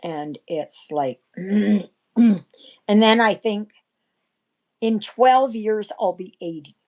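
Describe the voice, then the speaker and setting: A woman in her sixties hosting a casual livestream chat, rambling and often clearing her throat. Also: mid-range voice, drawn-out words, a little mellow, poor audio. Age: 60s. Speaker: livestream host.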